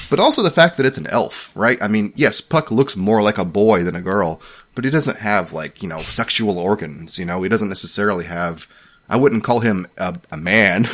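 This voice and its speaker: Male podcast host, low voice, chatty and self-deprecating, casual chat. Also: a bit bright.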